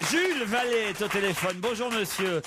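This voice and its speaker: A man's voice: high voice, lively intonation, a loud crowd, heavy background noise. Joking French radio host, man. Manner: joking, laughs often, halting with fillers. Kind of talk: radio call-in chat.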